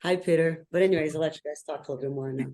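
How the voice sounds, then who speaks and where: A man on a video call reflecting on his past, halting and thoughtful. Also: on the high side, fairly even intonation, gravelly, warm tone. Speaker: group participant. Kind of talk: personal sharing.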